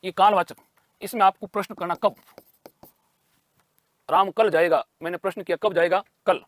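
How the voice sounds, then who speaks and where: A man's voice: high-pitched, fairly even intonation, moderate pace, a bit bright, no room sound. A man teaching a grammar lesson for exam prep. He asks questions and answers them himself, and he repeats key terms.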